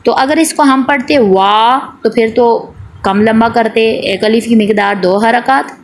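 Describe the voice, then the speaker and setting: A woman teaches a recitation class in a low, gravelly voice, patiently going over each rule twice. She asks her own questions and then answers them, stretching the long vowels out to show how they sound. A faint hiss runs underneath. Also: fairly even intonation, moderate pace. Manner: draws out the long vowel sounds when demonstrating. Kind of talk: explanatory online class.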